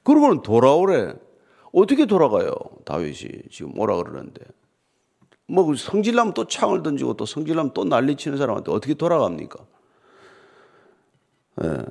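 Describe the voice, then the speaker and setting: Gravelly-voiced male pastor preaching animatedly. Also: medium pitch, fairly quick, pauses often. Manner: conversational, animated preaching with rhetorical questions. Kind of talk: morning sermon with scripture reading.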